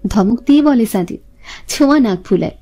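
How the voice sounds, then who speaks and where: A woman narrates a romance in a smooth, steady reading voice. Her tone is high and mellow. Soft music plays under the narration. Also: moderate pace. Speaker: storyteller.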